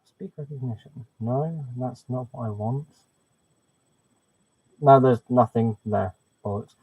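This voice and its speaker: A man's voice: mid-range voice, slow, a little mellow, slightly rough, no echo. A man chatting on a live stream and thinking aloud while fiddling with settings, his voice muffled and hollow through a webcam mic. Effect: muffled, hollow sound like talking through a pipe. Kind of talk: casual live-stream chat. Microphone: webcam microphone. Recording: dull, dry webcam mic sound.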